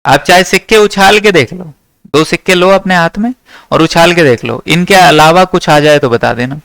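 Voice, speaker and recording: Young male maths tutor, smooth clear voice, a little high, dry close sound. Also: moderate pace, a bit bright, no room sound. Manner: checks in with the class often. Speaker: maths teacher. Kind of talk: classroom lecture.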